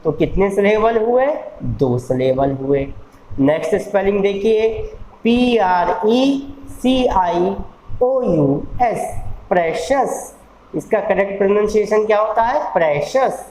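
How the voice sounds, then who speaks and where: A teacher explains syllables at an unhurried, careful pace, drawing out each vowel sound and checking understanding with questions. The voice sits in the middle range and carries a roomy echo. A faint hiss runs under it. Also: medium pitch, darkish tone. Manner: slow, deliberate, repeats sounds aloud and asks rhetorical questions. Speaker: law college English teacher. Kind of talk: bilingual classroom lecture.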